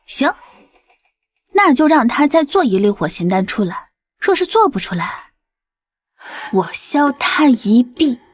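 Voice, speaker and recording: Young noble wife, scornful and coolly taunting, slightly husky, high animated delivery. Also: female voice, measured pace, long pauses, no room sound, full character voice. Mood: cold. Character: sharp-tongued young princess consort, cold and mocking. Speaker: prince's wife.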